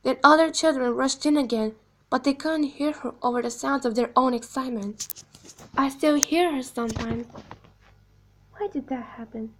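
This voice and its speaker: The recording is rough: an amateur actress gives a hushed, menacing monologue as an eerie animatronic clown girl from a video game. Her high, girlish voice moves slowly and deliberately, dropping into whispers, sweet on the surface but sinister underneath, like a secret unfolding.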